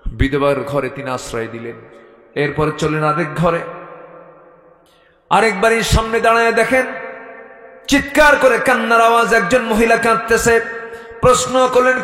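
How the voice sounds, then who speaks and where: Preacher guy doing a waz sermon, belts up high then goes quiet, faint music under, echoey hall. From Bangladesh. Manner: swings between loud high-pitched exhortation and low hushed quotes.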